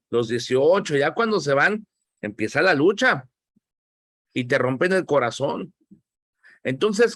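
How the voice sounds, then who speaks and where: A man's voice: on the high side, a bit bright, no room sound, studio quality. A man with a Mexican accent teaching a Bible class, talking conversationally and asking the class questions.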